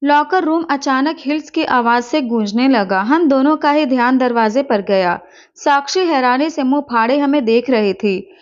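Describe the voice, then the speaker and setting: Brief: young woman narrator, high voice, playful teasing tone, dull lo-fi recording. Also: normal speed. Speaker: storyteller. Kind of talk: first-person story narration.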